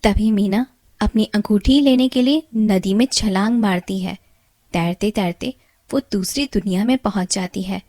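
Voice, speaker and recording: A woman narrating a children's cartoon story in a steady, clear storytelling manner. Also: mid-range voice, moderate pace, no echo.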